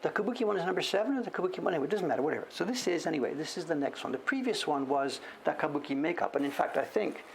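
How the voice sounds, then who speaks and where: With a crowd in the background, a man in his late sixties rattles off rapid-fire livestream chatter about his printmaking, with few pauses, frequent self-corrections, and third-person references to himself. His slightly high, creaky voice has lively intonation.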